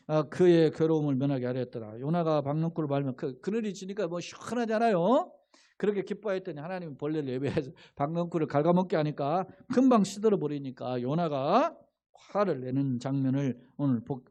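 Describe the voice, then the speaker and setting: A man preaching a sermon in church as pastor, asking the congregation questions and building to loud rising calls. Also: on the high side. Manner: asks the congregation questions and answers them himself. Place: church sanctuary.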